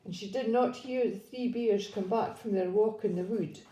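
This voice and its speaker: A woman reading a children's story aloud in a gentle, expressive storybook manner. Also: mid-range voice, normal speed. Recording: echoey room.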